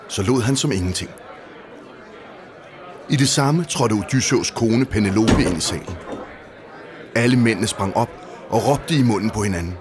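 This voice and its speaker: A man narrating a storybook in a calm, steady way. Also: medium pitch.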